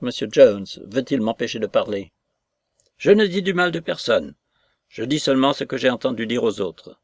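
A man's voice: mid-range voice, creaky, dry recording, studio quality. A man reading aloud and voicing a chattering, indignant lady's maid in a raised, prattling voice.

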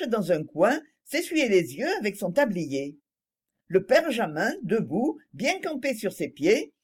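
A woman reads a first-person novel aloud as audiobook narration. Her fairly high voice rises and falls expressively through the story. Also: a little mellow, husky.

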